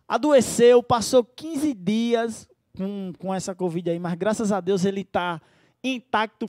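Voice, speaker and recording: A man, a singer hosting his own live stream and effusively sending shout-outs to the crowd. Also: sits high, no echo, clean studio sound. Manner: effusive, talks straight to the crowd.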